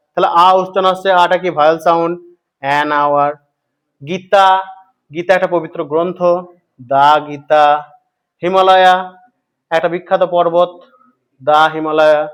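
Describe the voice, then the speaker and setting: A man with a Bengali accent teaching English grammar, asking his students questions and answering them himself, repeating key points slowly. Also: sits high, a bit bright, smooth. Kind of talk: explanatory grammar lesson.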